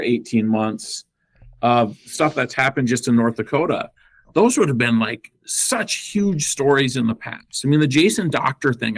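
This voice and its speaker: A man co-hosting a casual political podcast, asking questions in a relaxed, conversational way with light humor. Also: medium pitch. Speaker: podcast co-host.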